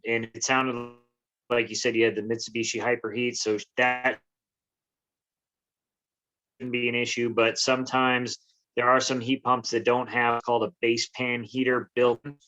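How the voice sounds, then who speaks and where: A man's voice: mid-range voice, level tone, normal speed, pauses often, pushed and bright, poor audio. A man on a video call from his phone, explaining heat pump problems while his audio glitches and cuts out. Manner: explaining, hesitant, with fillers. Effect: glitchy audio cutting out, dropping words. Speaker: heat pump installer answering questions.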